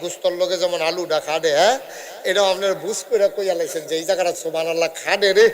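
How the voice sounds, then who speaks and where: High-voiced chanting village preacher. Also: male voice, fairly even intonation, quick pace. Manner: sing-song chanting, quizzing the crowd, joking asides. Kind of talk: Bengali waz sermon.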